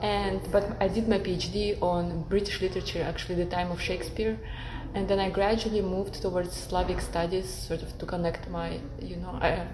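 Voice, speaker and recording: A woman's voice: fairly low pitch, steady tone, brisk, hardly any pauses, echoey room, background noise. A woman from Kazakhstan, a guest academic in an interview, talking thoughtfully with many fillers and restarts. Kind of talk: conversational interview.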